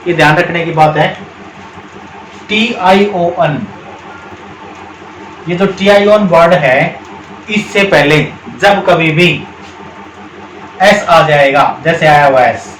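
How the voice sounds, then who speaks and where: A man with an Indian accent teaches a video lesson, his slightly raised voice going over each word slowly and more than once. The sound is roomy and echoey, with a faint hum of noise underneath. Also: on the high side. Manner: explains step by step, repeats words slowly, calls students beta. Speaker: English grammar teacher. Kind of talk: classroom-style video lesson.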